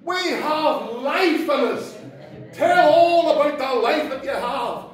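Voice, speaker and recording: A Northern Irish man, a pastor preaching an impassioned sermon that swings from soft asides to shouted exclamations. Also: very high voice, takes it slowly, soft background music. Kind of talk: fiery Pentecostal sermon. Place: church hall. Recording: very echoey hall from far off.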